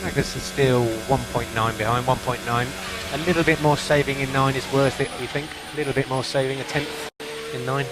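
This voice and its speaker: A man's voice: medium pitch, steady tone, brisk, over music. A man working as a race engineer, giving concise, repeated instructions over race car team radio. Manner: concise, repeats key calls.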